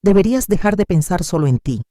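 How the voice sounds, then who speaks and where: A woman's voice: fairly low pitch, lively intonation, fast talker, mellow, no echo, clean studio sound, pitched above the performer's own voice, close to an everyday voice. A woman voicing a hostile young daughter-in-law who speaks in a sarcastic, cutting way.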